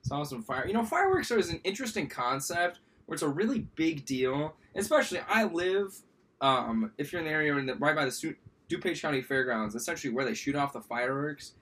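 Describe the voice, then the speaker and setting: A man's voice: on the high side, expressive, brisk, fairly bright tone. A man, co-hosting a casual sports podcast in an easygoing, chatty way. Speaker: podcast co-host.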